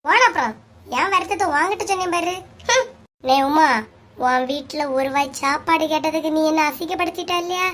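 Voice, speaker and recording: Woman doing squeaky, sharp-tongued cartoon village women. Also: brisk. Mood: bickering. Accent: Kanyakumari Tamil. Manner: scolding, nagging banter. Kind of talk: cartoon comedy voice acting.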